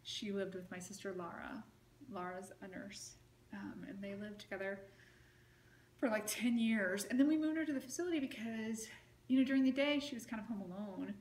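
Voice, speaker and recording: A woman talks through a long personal story in an interview, casual and meandering, padding her sentences with "like" and "you know." Her voice sits at an ordinary pitch and carries a roomy echo. A faint hiss of noise sits under the recording. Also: normal speed, a little mellow. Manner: rambling, frequent "like" and "you know".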